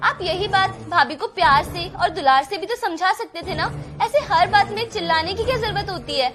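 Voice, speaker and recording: A young woman plays a grown daughter calmly talking her mother round in a home drama, pleading and patient. Her voice is very high, with faint music behind it. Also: moderate pace. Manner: pleading, reasoning, gently scolding. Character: married daughter defending her sister-in-law. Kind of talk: family drama acting.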